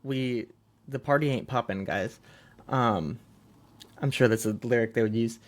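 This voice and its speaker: A man co-hosting a casual music podcast. He rambles through his thoughts, stacks up filler words and laughs easily. His voice sits at an ordinary middle pitch. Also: a little slow. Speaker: podcast co-host. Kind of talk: casual chat about music.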